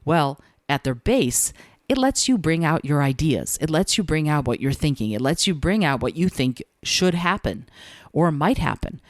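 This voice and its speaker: A woman with a notably low voice hosts a solo podcast, speaking in a measured, deliberate way and leaving room for pauses. The sound is dry and close, with no room around it. She talks like a coach giving advice. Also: sing-song, no echo. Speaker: podcast host and communication coach.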